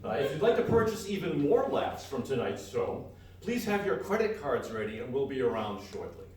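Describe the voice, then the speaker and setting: Playing a mock-grand showman announcer, a male comedy radio performer and co-host trades scripted banter with a live audience in a hall. His medium-pitched voice is sing-song and darkish at a moderate pace, recorded from afar in a very echoey room with faint noise.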